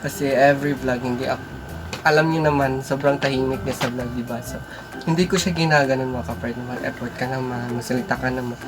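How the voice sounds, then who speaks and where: A woman's voice: rumbling low, steady tone, fast. A woman hosting a casual couple vlog, teasing her partner and laughing often. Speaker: couple vlogger, host. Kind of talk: casual vlog chat with viewers. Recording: loud background music.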